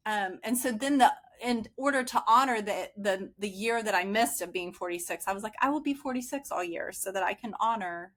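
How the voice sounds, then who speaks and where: A woman's voice: medium pitch, fairly quick, hardly any pauses, a bit bright. A woman in her late forties, a podcast guest telling rambling, chatty stories full of asides. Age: 40s. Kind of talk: casual podcast chat.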